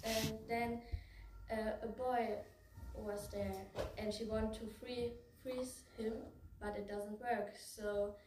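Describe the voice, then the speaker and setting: German teen girl telling a story, halting english, flat delivery, echoey and a bit far off. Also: a little high. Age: young teenager. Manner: halting non-native English. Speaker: student storyteller. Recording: roomy, distant, faint noise.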